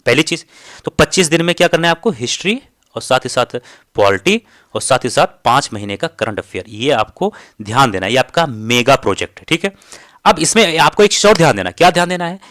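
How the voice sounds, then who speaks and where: Male exam coach, firm and repetitive, close dry sound, mid-pitched voice. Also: very animated, brisk, fairly bright tone, no room sound. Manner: direct, repeats key points, asks "ठीक है?" often. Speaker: exam prep teacher. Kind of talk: study strategy lesson.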